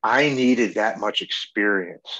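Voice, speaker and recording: Earnest low-voiced man in his forties. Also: slow pace, bright, forceful tone, lo-fi sound. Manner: earnest, reflective. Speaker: podcast guest in recovery. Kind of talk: heartfelt personal storytelling.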